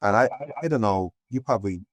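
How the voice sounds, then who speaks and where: A man's voice: on the low side, expressive, fast, no echo. A man from Ireland, a podcast guest talking in a meandering, hesitant way with many restarts. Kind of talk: casual conversation.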